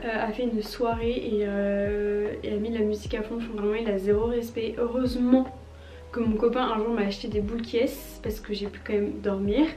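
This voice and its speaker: With background music playing, a young Frenchwoman in her twenties vlogs from indoors at home, talking casually with frequent fillers and hesitations. Her voice sits on the high side, mellow and fairly quick, with little pitch movement.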